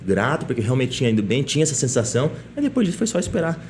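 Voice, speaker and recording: A middle-aged man, a police chief guesting on a podcast, telling a lively story in casual chat and often tagging his sentences with little questions. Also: medium pitch, very fast, slight background noise. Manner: lively anecdotal telling, frequent tag questions.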